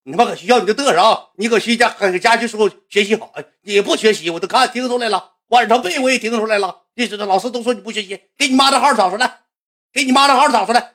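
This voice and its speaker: A man voicing a deaf, hot-tempered old grandfather who shouts and blusters. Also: high-pitched, fast talker, pitched above the performer's own voice. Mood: angry yelling.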